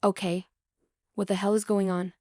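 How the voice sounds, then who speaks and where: A woman's voice: mid-range voice, little pitch movement, normal speed, a little mellow, dry recording, clean studio sound, lightly acted. A woman voicing a frustrated middle-aged father who speaks firmly and demands answers. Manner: firm, demanding questions.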